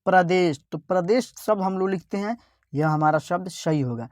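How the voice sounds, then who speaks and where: Low-voiced woman teacher spelling words. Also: darkish tone, dry recording, studio quality. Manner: spells out letters slowly, asks and repeats each word. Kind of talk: online spelling lesson.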